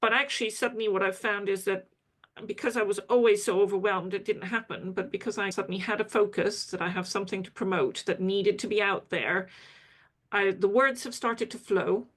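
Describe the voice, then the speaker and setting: A woman speaks as a guest in a relaxed interview, thinking out loud and quoting herself as she tells stories. Her pitch is ordinary for a woman. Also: brisk. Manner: reflective, candid, tells stories with quoted asides. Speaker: kinesiology practitioner, guest. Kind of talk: conversational interview.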